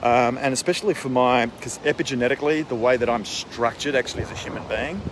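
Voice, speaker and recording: Male coach, conversational and emphatic, medium pitch, recorded outdoors with strong wind and water noise. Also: fast talker. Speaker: wellness coach for executives. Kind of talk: casual spoken advice vlog. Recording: windy outdoor mic, boat and water noise.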